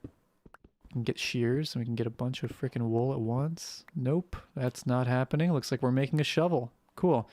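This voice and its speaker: A young adult game streamer talks in a rough, hoarse voice held soft and careful. The chat rambles, swears often and keeps turning to greet viewers mid-play. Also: medium pitch, moderate pace. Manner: speaks gently to spare the voice. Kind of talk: casual live-stream gameplay commentary.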